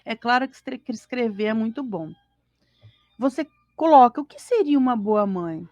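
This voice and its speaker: A Brazilian woman's slightly high, a little mellow voice moves with lively intonation at normal speed as she co-hosts a spiritist gospel study from home over a live stream. She asks rhetorical questions, acts out everyday scenes and voices, and sighs with dismay. There's no room sound, the highs are cut off, and faint music plays behind her.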